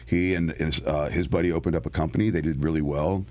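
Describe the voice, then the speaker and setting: A man hosting an interview, asking questions in a relaxed way. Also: a bass voice, quick pace. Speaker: podcast host. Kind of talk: conversational interview.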